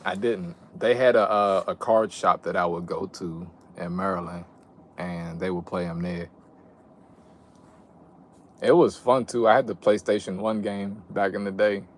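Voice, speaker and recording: Young guy with a low voice, laid back streamer chat, slangy n rambly, swears, noisy background. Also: steady tone, a little slow. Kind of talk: casual livestream chat, reminiscing. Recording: clear background noise.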